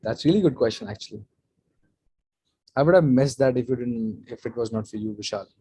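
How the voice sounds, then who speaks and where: A man's voice: medium pitch, a little fast, warm tone, slightly rough, dry recording. A man, speaking casually as a guest speaker in a live online session and answering questions from the chat. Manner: casual, chatty, off-the-cuff advice.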